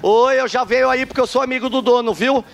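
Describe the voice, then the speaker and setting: A man's voice: extremely high pitch, fairly even intonation, fast, gravelly, a bit bright. A man working as a roving comedy reporter, teasing people in casual, joking street interviews. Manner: teasing, cheeky. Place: city street and shops.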